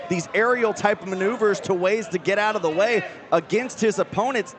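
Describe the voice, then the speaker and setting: A man giving play-by-play as a wrestling commentator, with excited calls on the big moves. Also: high voice. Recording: live event with crowd behind. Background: crowd noise.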